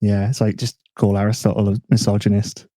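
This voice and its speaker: A man hosting a casual podcast chat, relaxed and self-mocking, thinking aloud with restarts. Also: on the low side, brisk, a little hiss or hum. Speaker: podcast host.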